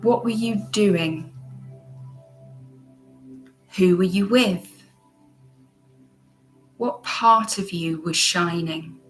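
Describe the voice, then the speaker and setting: A woman leading a guided meditation as an instructor, with a soft, calm, soothing spa-like delivery and long pauses. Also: fairly low pitch, roomy sound. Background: background music.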